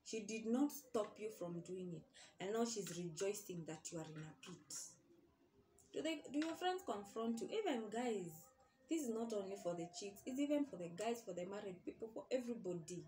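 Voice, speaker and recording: A woman's voice: medium pitch, animated, normal speed, mellow, roomy sound, a little hiss or hum. A young woman talking straight to her viewers, earnestly asking question after question and repeating her points for emphasis. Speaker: vlogger. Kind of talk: casual advice monologue.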